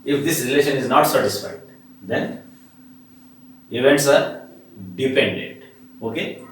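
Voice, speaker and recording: A man's voice: mid-range voice, unhurried. A man with an Indian accent teaching a maths lesson step by step, repeating himself and posing questions that he answers himself. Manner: repetitive, poses questions and answers them himself. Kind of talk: classroom lesson, explaining step by step. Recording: echoey room, distant mic, faint noise.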